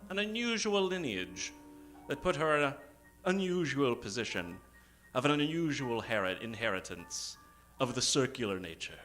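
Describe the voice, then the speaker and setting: On a theater stage with live keyboard music, a bright-voiced man with a mid-range voice hosts and announces an improvised radio show in the style of a theatrical old-time radio announcer. He's dramatic, using drawn-out suspenseful pauses and sudden emphasis.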